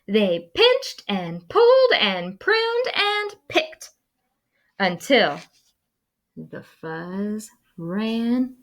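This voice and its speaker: A school librarian reads a children's storybook aloud, her mid-range voice sing-song and full of drama and expression. She takes deliberate pauses and drops into hushed moments.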